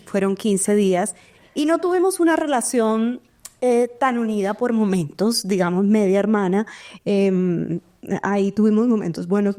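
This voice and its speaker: A woman co-hosts a casual interview, pausing often and filling gaps with hesitant sounds. Her voice is mellow and warm at a middle pitch. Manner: hesitant, many fillers. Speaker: podcast co-host.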